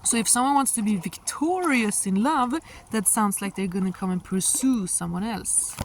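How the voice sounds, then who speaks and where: A woman giving a casual, musing tarot reading outdoors by the water, halting at times and drawing out some words. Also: mid-range voice. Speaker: tarot reader and host. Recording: outdoor recording with water noise. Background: sound of moving water.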